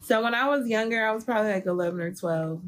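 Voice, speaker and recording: A woman's voice: medium pitch, fast talker. A young adult woman with a slight lisp, chatting casually with frequent fillers as a co-host. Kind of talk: casual couple chat.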